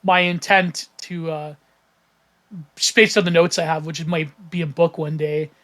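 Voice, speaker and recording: A man's voice: a little high, level tone, measured pace, a bit bright. A man from Canada, hosting a casual podcast chat, rambling with many fillers and restarts. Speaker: podcast host.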